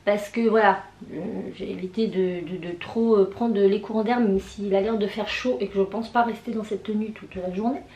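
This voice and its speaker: A woman in her thirties chatting casually in a vlog, hoarse from tonsillitis with her voice mostly gone, hesitant and rambling. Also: mid-range voice, fairly even intonation, normal speed, a little mellow. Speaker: vlogger. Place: indoors, bedroom. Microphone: camera on a tripod. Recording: echoey room.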